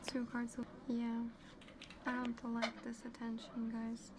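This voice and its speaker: Woman dealer, higher pitch, flat delivery, loud background noise. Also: slow pace. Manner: non-native English, playful scolding. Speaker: live casino dealer. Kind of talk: casual chat on a live stream.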